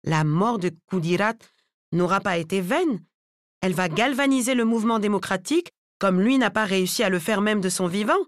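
A pompous, self-important middle-aged man holds forth in a lecturing, self-satisfied tone, as an audiobook narrator reads him. The voice is a woman's own middle-pitched voice, recorded close and dry with no room sound. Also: animated, fairly quick, no echo, close to an everyday voice. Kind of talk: audiobook character reading.

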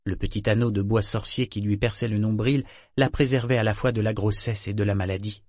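An audiobook narrator, a man with a fairly low voice, reads a novel aloud in a steady, measured way. It's scripted narration captured as clean studio sound with no room noise.

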